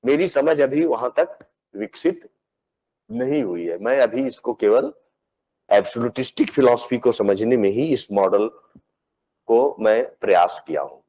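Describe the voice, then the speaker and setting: A man, a philosophy professor, giving a measured academic lecture. He explains step by step, often repeating words as he searches for phrasing, and mixes English technical terms into his speech. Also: mid-range voice, big pitch swings, dark tone, rough recording.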